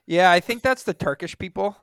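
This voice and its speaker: A man's voice: high-pitched, fairly quick, fairly bright tone, smooth, dry recording. A man co-hosting a sports podcast with casual banter and a wry, dismissive fan's manner.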